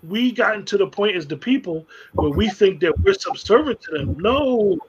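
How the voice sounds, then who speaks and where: A man's voice: high voice, lively intonation, moderate pace, husky, dull audio. A man in casual conversation, speaking emphatically and repeating words as he builds his point. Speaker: podcast co-host.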